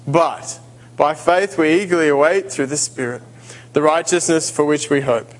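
In a rough recording from a handheld or stand mic, an Australian man visiting a church sanctuary preaches a sermon. His voice is a little high at normal speed, hesitant with fillers and restarts, and he then reads scripture aloud.

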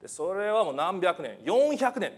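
A man whose first language is not Japanese, preaching a church sermon in a halting, light-hearted way, with many fillers and self-deprecating humor. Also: high-pitched, very animated.

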